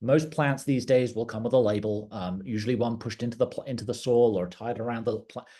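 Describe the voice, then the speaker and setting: A man's voice: mid-range voice, steady tone, a little fast, mellow. A middle-aged man, a garden director, giving a conversational educational talk to gardeners, plain-spoken with occasional restarts. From outside the United States. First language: English.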